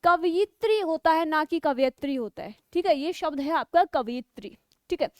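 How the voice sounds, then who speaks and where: A woman teaching a Hindi spelling lesson for exam students, explaining step by step, slowing down to spell out key words, and checking in with her listeners. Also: high voice, expressive, a little mellow, no echo, studio quality. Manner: explains step by step, keeps checking with 'ठीक है'.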